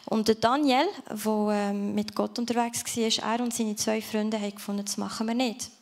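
A woman's voice: mid-range voice, fairly even intonation, moderate pace, darkish tone. A woman giving an earnest sermon in a church service, speaking directly to the listener and ending in prayer. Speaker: preacher.

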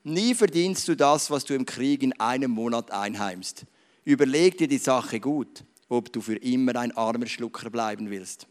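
A preacher putting on a gruff old mercenary recruiter. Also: male voice, medium pitch, animated, normal speed, voice pushed down, close to an everyday voice. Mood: coaxing, gruff. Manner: grumbling, coaxing.

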